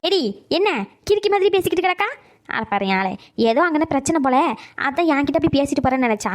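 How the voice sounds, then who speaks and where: A woman voicing a bossy, sharp-tongued old grandmother who scolds fast and dotes on her grandson. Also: high-pitched. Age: older. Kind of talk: cartoon voice acting.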